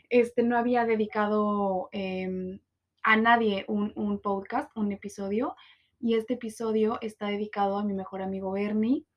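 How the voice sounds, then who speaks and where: A woman's voice: a little high, muffled recording. A young woman with a Mexican Spanish accent, hosting a personal podcast and talking candidly and emotionally, with many fillers and restarts. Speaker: podcast host.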